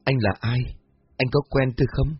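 A man's voice: medium pitch, steady tone, moderate pace, husky, no room sound, highs cut off. A man voicing a frightened, desperate young woman in a storybook, pleading in a raised, tearful tone. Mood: bewildered. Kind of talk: storybook narration.

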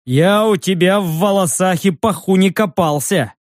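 A man's voice: high-pitched, normal speed, dry recording, close to an everyday voice. Guy playing a proud defensive patrol boss, all indignant, dry close sound. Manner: indignant, blustering. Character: blustering male patrol leader, proud and defensive.

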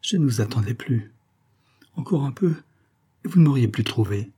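A man voicing a heartbroken young woman in a read-aloud story, speaking softly and tremulously. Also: medium pitch, animated, normal speed, breathy edge. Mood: despairing. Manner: soft, trembling, sighing.

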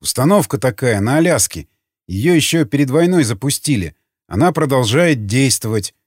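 Guarded male captive, short plain answers, lively pitch, as read by the narrator. Audiobook. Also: moderate pace, breathy edge, dry recording, clean studio sound. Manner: terse, guarded. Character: determined young male prisoner under interrogation.

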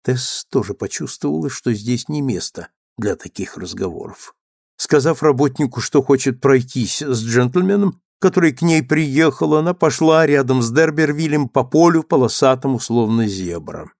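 A man's voice: medium pitch, lively intonation, moderate pace, gravelly, darkish tone, no room sound. Dry-voiced male audiobook narrator. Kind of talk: audiobook reading.

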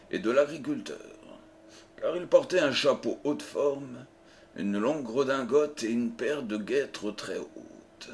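A man narrating an audiobook in a measured, steady storytelling voice. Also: medium pitch, a little hiss or hum. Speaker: audiobook reader. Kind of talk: scripted narration.

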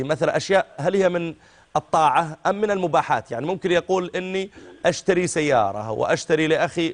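A middle-aged man with a Saudi accent, a religious scholar answering callers in an avuncular way. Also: on the high side. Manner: avuncular, addresses callers as my son. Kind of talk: religious call-in advice.

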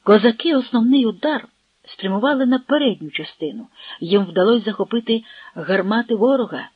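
A narrator reading a historical novel in a measured, dramatic way. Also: mid-range voice, animated, slightly rough, no echo, narrow, tinny audio.

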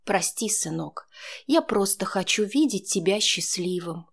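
A fretful, caring grandmother who scolds her grown son one moment and pleads with him the next, put on by a woman reading aloud. The voice sits a little higher than the reader's plain narration, and the delivery is emotional and motherly. It has the feel of an audiobook. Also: unhurried, natural voice. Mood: tender. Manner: anxious, scolding, then tender. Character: older woman, worried caring grandmother, tearful.

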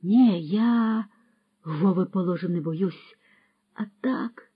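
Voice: mid-range voice, slow, breathy edge, phone-quality sound. A narrator doing a naive young lad. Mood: hesitant. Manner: hesitant, short questions. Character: naive young man joining thieves.

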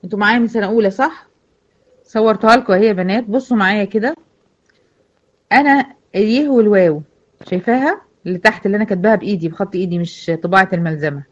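An Egyptian woman teaching Quran recitation gives a tajweed lesson to her female students, speaking rapid-fire in a mid-range voice with frequent pauses and an Egyptian Arabic accent. Patiently, she asks questions and then answers them herself. The audio is muffled and lo-fi.

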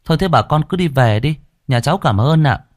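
A man voicing a fierce young village woman who scolds in sharp bursts. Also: fairly high pitch, lively intonation, brisk, no echo, studio quality, pitched above the performer's own voice, lightly acted. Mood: reassuring.

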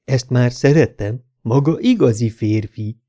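A man voicing an affected, flirtatious woman at a bar who talks in a slow drawl. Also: medium pitch, mellow, natural voice. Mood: flirty.

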